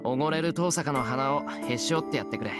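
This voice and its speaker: A man's voice: mid-range voice, rapid-fire, lightly acted. An actor voicing an earnest, caring teenage boy who talks plainly and reassuringly, played from a game. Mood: calm, caring. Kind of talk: Japanese game voice acting. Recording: game audio under loud music.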